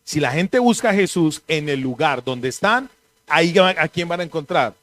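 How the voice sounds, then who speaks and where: A man, a pastor giving a conversational sermon and telling animated, joking stories. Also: on the high side, normal speed, no room sound.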